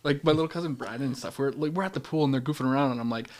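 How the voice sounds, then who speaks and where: A man co-hosting a podcast, talking casually and bluntly in a low-key voice that people take for grumpy, often laughing through his stories. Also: very fast, noisy background. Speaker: podcast co-host. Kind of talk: casual chat.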